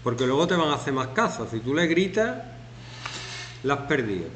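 A man's voice: medium pitch, a little fast. A man in his fifties, a teacher, talking casually and jokingly to his students while working through a class activity. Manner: chatty, joking, lively, acts out shouting examples. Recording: echoey classroom, faint background noise.

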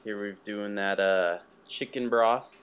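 A man's voice: on the low side, slow pace, clear, resonant tone. A young man casually talking viewers through a recipe in his home kitchen. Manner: relaxed, talks viewers through steps. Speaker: cooking vlog host.

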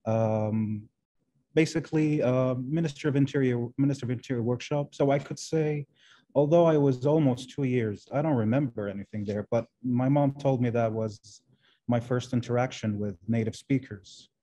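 A man from Kuwait, Arabic his first language, talks over a video call from an indoor room. His voice is warm and dark at a middle pitch. He searches for words, restarting often and filling pauses with "um". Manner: hesitant, many fillers and restarts. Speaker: guest, translation professor.

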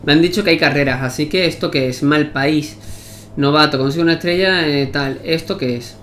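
Chatty Spanish gamer with casual swearing. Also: male voice, a little high, a little fast, a bit bright, slight background noise. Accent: Spain Spanish. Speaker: gaming YouTuber. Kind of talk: casual gameplay commentary.

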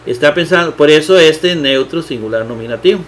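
A man teaching a grammar lesson at his computer, speaking slowly with many fillers and rhetorical questions. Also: on the high side, a little hiss or hum. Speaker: Bible teacher.

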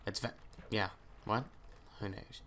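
A man's voice: fairly low pitch, fairly even intonation, unhurried, fairly bright tone. A man hosting a gaming video, chatting casually and thinking aloud as he plays, often trailing off into mutters. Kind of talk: let's play commentary.

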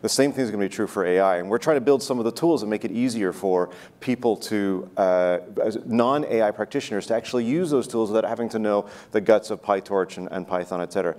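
A man in his forties speaking as a panelist on a conference stage, explaining briskly with filler "uh"s into a lapel mic. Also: lowish voice, a little mellow. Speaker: panelist, institute director.

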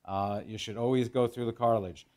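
A middle-aged chef gives an instructional cooking demonstration in an indoor professional teaching kitchen, explaining as he works in an informal, halting way and repeating phrases for emphasis. His mid-range voice holds a steady, slightly mellow tone.

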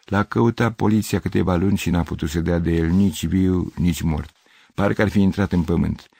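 A man's voice: sits low, creaky, warm tone, slightly rough, no echo, full character voice. An older man voicing a plain-spoken tavern keeper telling what he knows. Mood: matter-of-fact.

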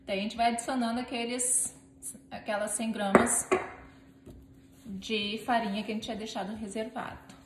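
This casual cooking demonstration features a home cooking vlogger in her thirties, playfully chatting to viewers and her helper while she prepares a recipe in her own kitchen. She speaks at a normal speed in a fairly high voice with a steady tone, and the echoey kitchen recording carries clear background noise.

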